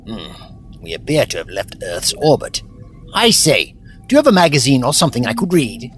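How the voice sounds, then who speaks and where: An animated, mid-pitched man acting as an eccentric adventurer. He is wry, theatrical and unflappable, in audio drama style, with music underneath. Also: normal speed, lightly acted. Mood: wry, chatty.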